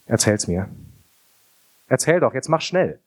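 A man's voice: mid-range voice, big pitch swings, unhurried, pitched above the performer's own voice. A man voicing a restless teenage girl in an audiobook, eager and impatient. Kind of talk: audiobook character voice.

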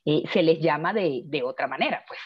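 A woman with a Venezuelan accent, chatting casually on a podcast, lively and quick to laugh as she tells anecdotes. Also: low voice, slightly rough, highs cut off. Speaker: podcast co-host. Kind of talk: casual chat.

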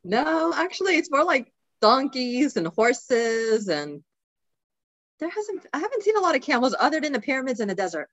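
A woman's voice: sits high, very animated, normal speed, a bit bright, no room sound, dull audio. A young woman from Egypt, a podcast guest, talking casually and chattily with many filler words. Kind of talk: casual interview chat.

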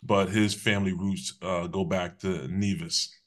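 A middle-aged man from Connecticut, a podcast guest who speaks in a measured way, pausing on fillers. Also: low-pitched, fairly even intonation. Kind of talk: interview.

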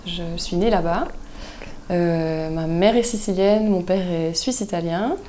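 A woman, a guest chatting casually in an interview, relaxed and thoughtful with frequent hesitations. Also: fairly low pitch, measured pace. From Switzerland. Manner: relaxed, thoughtful, many hesitations, laughs easily. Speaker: guest, soap maker.

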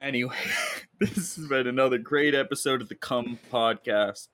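A man's voice: medium pitch, normal speed, a bit bright. A young man hosting a casual podcast over Discord, swearing freely and laughing often. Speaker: podcast host.

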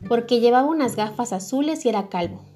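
A woman's voice: a little high, animated, quick pace, dark tone, natural voice. A woman voicing an opinionated, chatty female water rat in a storybook reading. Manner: chatty, self-important.

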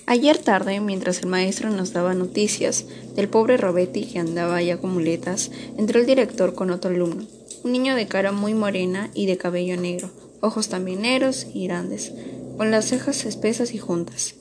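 A woman narrating an audiobook story in a steady, measured storytelling manner. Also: medium pitch, noisy background.

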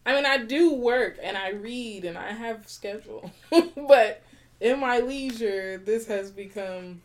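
A woman's voice: fairly high pitch, slow pace. A woman co-hosting a relationship podcast, talking casually and with animation, laughing and teasing her partner. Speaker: podcast co-host.

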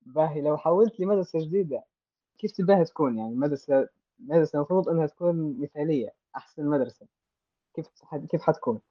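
A man with a Libyan Arabic accent, hosting a casual interview and gently drawing answers out of young guests. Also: fairly high pitch, fast, no echo, highs cut off.

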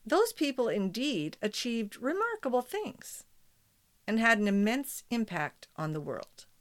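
Calm meditative lady doing a guided prayer reflection, really slow, pitch rises and dips a lot. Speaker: meditation leader.

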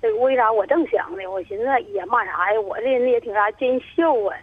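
A woman, calling in to a radio show and talking in a halting, rambling way. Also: on the high side, husky, dry recording. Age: 50s. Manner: halting, rambling, stumbles over words. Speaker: caller. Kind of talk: radio call-in, telling her troubles. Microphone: telephone. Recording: tinny dry phone line.

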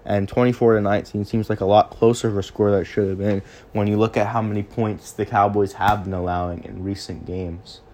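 A man's voice: lowish voice, flat delivery, a little fast, hardly any pauses, darkish tone. A young man hosting a casual sports podcast, recapping games off the cuff, with frequent restarts and stumbles. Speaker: podcast host.

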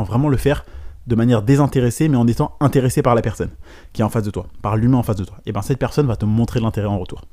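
Young guy podcasting, talks fast, kinda dark mellow voice, acts out the dialogue. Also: medium pitch. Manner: addresses listener directly, quotes dialogue with lively voices. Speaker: podcast host, business coach. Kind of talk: casual storytelling monologue.

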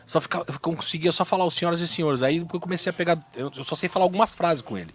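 A man's voice: on the high side, rapid-fire. A man, chatting casually and teaching how to do voice impressions. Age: 40s. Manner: animated, coaching, jumps into impersonations. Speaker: impressionist coaching others.

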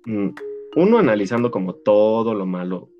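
A man's voice: on the low side, sing-song, normal speed. A man, reflecting and thinking aloud in casual chat. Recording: slightly muffled, faint music.

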